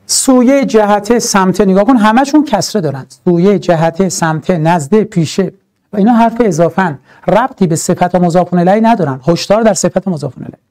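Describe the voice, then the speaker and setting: Guy teaching grammar for exams, high voice but mellow tone, super emphatic, drags out words. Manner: animated, emphatic, drawn-out stresses and rhetorical asides. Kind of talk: exam-prep grammar lesson.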